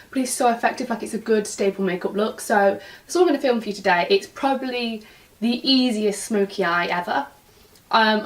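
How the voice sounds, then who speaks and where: A young woman with a nasal voice, still recovering from an illness, chatting casually through a makeup tutorial with lots of ums. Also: mid-range voice. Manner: chatty and rambling, many ums. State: recovering from illness, swollen glands. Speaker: beauty YouTuber. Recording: somewhat distant mic, faint music.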